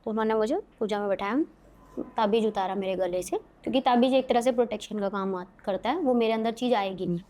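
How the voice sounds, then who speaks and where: Woman telling a ghost story, bright-voiced. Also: a little high, fast. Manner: dramatic, suspenseful narration in short vivid bursts. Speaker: podcast guest. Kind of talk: casual storytelling.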